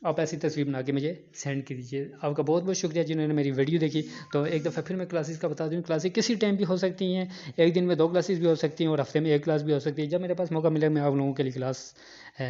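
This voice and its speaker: A man's voice: fairly high pitch, mellow. Man explaining an editing app, lo-fi. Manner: step-by-step, repeats instructions. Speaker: online teacher. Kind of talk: screen-recorded app tutorial.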